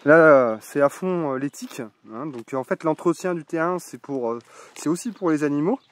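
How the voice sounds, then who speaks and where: Man, vlogger, voice a touch high, loose and salty delivery full of fillers, recorded outdoors on windscreened mic. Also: normal speed, dry recording. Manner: loose, salty speech with many fillers and swearing. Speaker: vlogger showing his land. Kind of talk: casual walk-and-talk vlog. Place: outdoors on rural land. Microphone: mic with foam windscreen.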